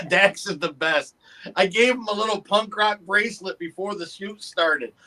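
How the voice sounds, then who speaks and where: A man, an actor guest, chatting excitedly about his film shoots and swearing freely. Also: high voice, measured pace, rough recording. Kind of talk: casual chat.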